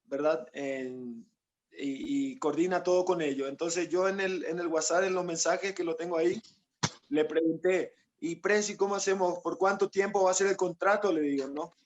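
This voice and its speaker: A Paraguayan footballer tells his story in an interview, slightly high-voiced and rambling, with many tag questions. The sound is muffled and lo-fi, like a call recording. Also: fairly even intonation, moderate pace. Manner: rambling, quotes others, frequent "¿no?" tags. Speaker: footballer guest.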